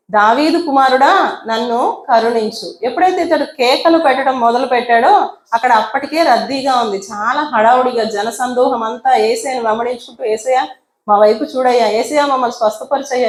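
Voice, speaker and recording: High-voiced woman preacher, roomy echo. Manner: asks the listeners many rhetorical questions; acts out the quoted voices in her story. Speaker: evangelist preacher. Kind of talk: sermon.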